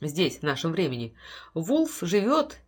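A woman reading an audiobook, voicing a calm, soft-spoken male scientist with a measured delivery. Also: low-pitched, slightly rough, full character voice. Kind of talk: audiobook character voice.

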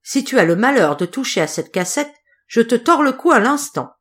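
A woman's voice: fairly low pitch, very animated, a little slow. A woman voicing a kind, earnest fifteen-year-old girl in an audiobook fairy tale. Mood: angry.

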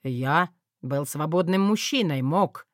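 A scheming young lord, sly and lustful, who draws out his words with quiet menace, as a woman narrator performs him. His voice sits low. It sounds dry and close, with no room around it. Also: animated, no room sound. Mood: stern. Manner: low, menacing, drawn-out lines. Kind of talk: audiobook character voice.

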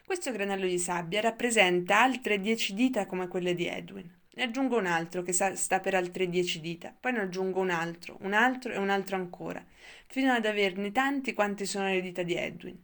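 A woman's voice: mid-range voice, brisk, fairly bright tone, lightly acted. A woman reading the lines of a rambling, wistful old grandfather in an audiobook. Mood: patient explaining. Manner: wistful, lecturing.

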